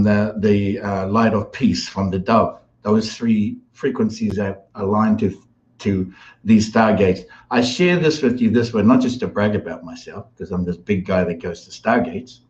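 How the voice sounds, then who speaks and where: A man from New delivers a spiritual talk that wanders and repeats itself. His voice sits at a middling pitch and is full of fillers and restarts. The audio sounds a little dull and lo-fi. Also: a little mellow. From New Zealand. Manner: meandering, repetitive, with many restarts and fillers. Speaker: spiritual guest speaker.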